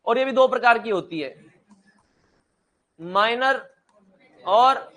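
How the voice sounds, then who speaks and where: This young man's voice is very high and a bit bright. Teaching a class lecture, he jokes bluntly and keeps asking his students questions only to supply the answers himself.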